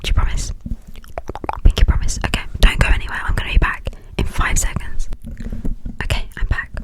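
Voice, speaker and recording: Hushed whispering young adult, rambling ASMR. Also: fairly quick. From United Kingdom. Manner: informal, rambling, hesitant stream of thought. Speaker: ASMR video creator.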